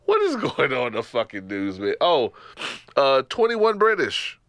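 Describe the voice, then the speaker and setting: A Texan podcast co-host with a Texas accent and a mid-range voice speaks at a measured pace in a dry recording. The chat is casual and joking, often breaking into laughter. He's animated, trails off and restarts.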